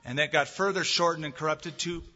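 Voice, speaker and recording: Husky-voiced male pastor preaching. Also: on the high side, fairly quick, sharp tone, big-room sound, muffled recording. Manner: emphatic, with rhetorical questions to the congregation. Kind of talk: sermon and closing prayer.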